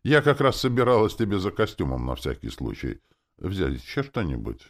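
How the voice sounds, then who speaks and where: A man's voice: sits low, wildly swooping pitch, full character voice. A man reading an audiobook, voicing a bossy but caring elf woman who gives orders and coos. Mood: cooing. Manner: brisk, giving orders, then cooing.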